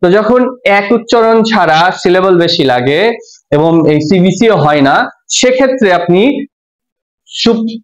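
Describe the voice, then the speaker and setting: A man's voice: sits high, animated, moderate pace. A man with a Bangladeshi Bengali accent giving a classroom English grammar lecture, spelling words out letter by letter and asking the class check questions. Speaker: English teacher. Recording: dull lo-fi audio.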